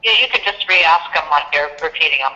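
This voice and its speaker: A woman's voice: sits low, lively intonation, fast, pushed and bright. A woman guest chatting casually, her voice coming from a phone held up to a computer microphone. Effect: voice from a phone held up to a computer mic. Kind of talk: casual chat. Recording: muffled, roomy phone audio from far off.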